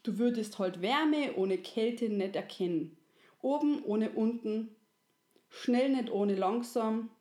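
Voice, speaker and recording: A woman's voice: a little high, slow pace, darkish tone. A woman voicing a kindly, wise creator woman, soothing and folksy. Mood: gentle. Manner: soothing, folksy, fond of dialect fillers. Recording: roomy echo.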